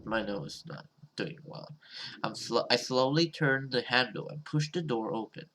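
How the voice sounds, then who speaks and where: Over game music, a man voices a visual novel's story for a let's play on YouTube, chatting casually and hesitantly and cursing from time to time. His voice is medium-pitched, a bit bright and at normal speed, and the recording carries a little hiss or hum.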